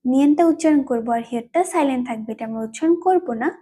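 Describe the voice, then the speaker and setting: A woman's voice: sits high, rapid-fire, heavy background noise. A woman teaching a language lesson, patiently explaining rules and repeating each term several times. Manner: repetitive.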